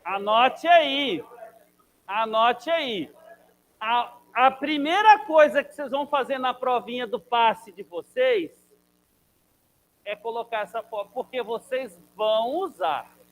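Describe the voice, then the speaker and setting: A man's voice: very high-pitched, expressive, unhurried, poor audio. A man teaching a chemistry class in Brazilian Portuguese, energetically drilling students through a chanted mnemonic. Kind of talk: classroom lesson.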